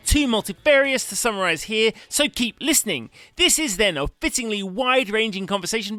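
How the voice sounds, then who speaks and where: Bright high-voiced male podcast host. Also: dry recording. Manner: wordy, playful phrasing. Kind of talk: scripted podcast intro.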